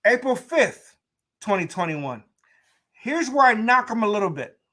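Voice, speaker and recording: Man, sports talk host, high voice, animated, repeats himself, casual commentary. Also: measured pace. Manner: animated, repeats himself, talks straight to listeners.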